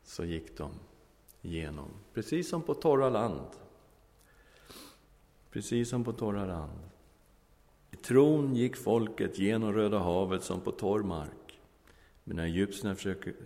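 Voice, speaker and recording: Deep-voiced preacher man in an echoing hall. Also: gravelly, warm tone. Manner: storytelling with humor. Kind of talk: sermon. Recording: long echoing hall reverb.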